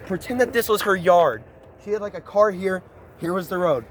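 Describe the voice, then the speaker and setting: A man casually telling a scary story to friends while walking outdoors through a neighborhood, rambling and animated. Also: high voice, normal speed, slight background noise.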